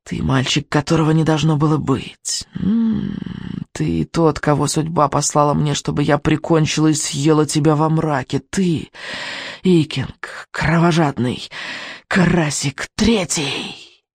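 A woman's voice: deep voice, a little mellow, breathy edge, no room sound, full character voice. Woman doing a hissing evil witch. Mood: gloating. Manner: slow, drawn-out, venomous hiss.

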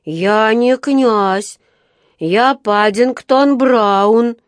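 A woman's voice: fairly high pitch, drawn-out words, no echo. A woman reading a storybook aloud, voicing a small, polite and earnest young male bear in a raised, eager voice. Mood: indignant.

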